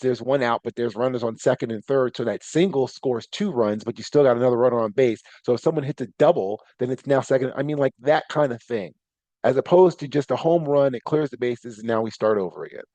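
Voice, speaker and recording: A man's voice: medium pitch, darkish tone, dry recording. A man hosting his own podcast, talking casually in a rambling, self-correcting way with bursts of animation. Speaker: podcast host. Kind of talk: casual solo podcast talk.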